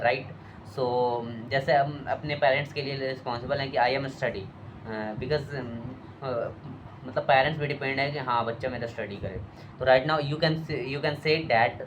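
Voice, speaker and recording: Halting man drilling sentences. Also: medium pitch, a bit bright, slight background noise, rough recording. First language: Hindi. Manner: halting, many fillers and restarts, mixing Hindi and English. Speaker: English practice teacher. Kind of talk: casual spoken English drill.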